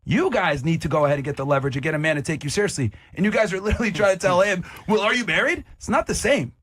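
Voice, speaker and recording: A man's voice: fairly high pitch, lively intonation, very fast, a bit bright, slightly rough. A man hosting a heated panel debate, speaking bluntly and assertively in a lecturing manner. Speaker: podcast panel host.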